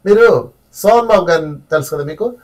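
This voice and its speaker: A man's voice: fairly high pitch, expressive, fairly quick, darkish tone, far from the mic. A man teaching a spiritual class, telling stories in a conversational way and asking his listeners rhetorical questions.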